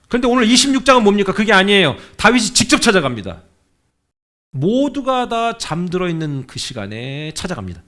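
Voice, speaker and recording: A man's voice: high voice, fairly bright tone. A male senior pastor preaching a sermon in a conversational way, often asking the congregation questions and acting out the voices he quotes. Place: church sanctuary.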